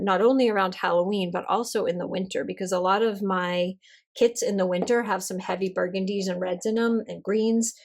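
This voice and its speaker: This stationery vlogger keeps things easygoing and self-mocking as she swatches inks at her desk. She speaks in a mid-range voice made a little hoarse by a cold.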